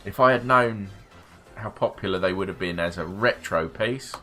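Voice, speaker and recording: Deep-voiced man rambling over gameplay. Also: normal speed, sharp tone, soft background music. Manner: rambling, wry, swears casually. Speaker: game streamer. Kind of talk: casual gameplay commentary.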